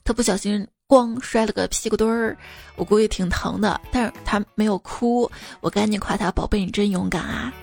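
A woman's voice: medium pitch, steady tone, normal speed, gravelly, a little mellow. Playful woman telling funny stories. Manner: light, playful delivery, with short asides. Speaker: podcast host reading jokes. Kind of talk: comic storytelling. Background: faint background music.

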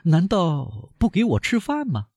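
A man's voice: high voice, huge pitch swings, unhurried, darkish tone, dry recording, studio quality, pitched above the performer's own voice, exaggerated voice. A man voicing a pampered middle-aged banker held captive, pleading and wheedling for food. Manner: wheedling, pleading and put-upon.

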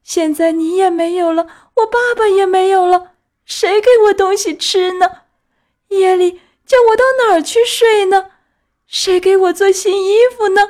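A woman voicing a young wooden puppet boy in an audiobook, pleading in a high wailing voice. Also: lively intonation, normal speed. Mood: wailing grief. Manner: high wailing, sobbing pleas. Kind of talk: audiobook character voice.

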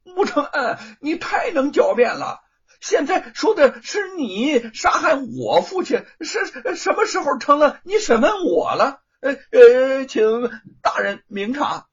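A man doing a shrill blustering young bully. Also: sing-song, measured pace, dull audio, exaggerated voice. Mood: shrill accusing.

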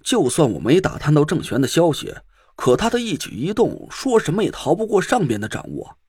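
A man's voice: fairly high pitch, sing-song, fairly quick, darkish tone, breathy edge, no echo, studio quality. A man voicing a loyal aging male servant who speaks hesitantly and broodingly, in an older man's voice. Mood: grave.

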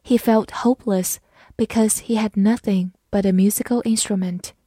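A woman's voice: mid-range voice, fairly even intonation, moderate pace, mellow, husky, no room sound. A woman teacher drilling English vocabulary, saying each word twice and then explaining its meaning.

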